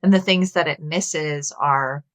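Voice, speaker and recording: A woman in her thirties with a Texan accent speaks as a podcast guest, thoughtfully explaining her views with some filler words in a conversational interview. Her voice is deep and fairly bright, her pace slow, and the recording is dry.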